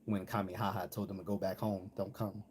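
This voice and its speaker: Fast and darkish in tone, his voice sits low with little pitch movement. He's an American hosting a live commentary stream, offering a blunt, casual monologue with slang and impressions of people he quotes, over noticeable background noise.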